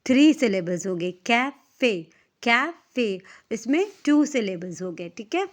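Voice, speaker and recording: A woman's voice: mid-range voice, very animated, a little mellow. A woman from Pakistan teaching a class, patiently repeating words and counting aloud. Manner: patient, repeats and counts aloud, reads English lines slowly. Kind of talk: classroom lesson explanation.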